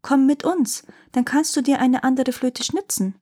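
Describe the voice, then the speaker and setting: Sly, pretty elf girls from a fairy tale, with high, sweet voices that coax and tease, as a woman reader puts them on. The tone stays soft and faintly husky. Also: lively intonation, moderate pace. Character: three sly, pretty female elves.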